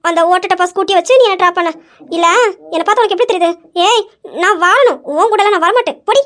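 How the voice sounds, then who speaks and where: A woman playing a cheeky young woman with a very high voice. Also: quick pace, a bit bright. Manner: cheeky, pouting. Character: cheeky, idle young woman, sulky and playful. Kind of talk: amateur romance skit.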